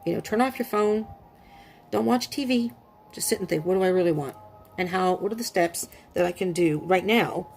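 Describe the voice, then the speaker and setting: A woman's voice: medium pitch, a little mellow. A woman giving a casual tarot reading at home, chatty and often checking in with her listeners. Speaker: tarot reader.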